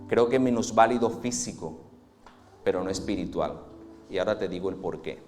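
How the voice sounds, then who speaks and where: A pastor giving a Sunday sermon, dramatic, moving between hushed and loud passages. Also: male voice, low voice, normal speed, faint music behind.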